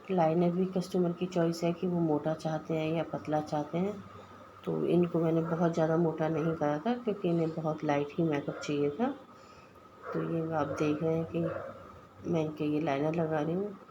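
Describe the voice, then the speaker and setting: Woman makeup artist, Indian Hindi accent, lowish voice, explanatory tutorial read, noisy track. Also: muffled recording. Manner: explanatory, addresses viewers as guys. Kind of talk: step-by-step makeup tutorial voice-over.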